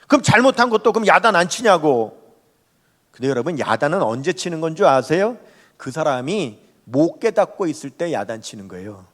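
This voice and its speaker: A man's voice: a little high, fairly quick. A man preaching a Sunday sermon as pastor, talking straight to the congregation and asking it questions. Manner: animated, rising and falling, speaks to the congregation directly. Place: church sanctuary. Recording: long hall reverb.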